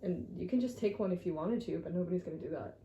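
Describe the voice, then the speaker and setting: A woman's voice: fairly low pitch, quick pace, dark tone, echoey room, a little hiss or hum, poor audio. Easygoing young woman from Sweden. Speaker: guest. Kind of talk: casual chat.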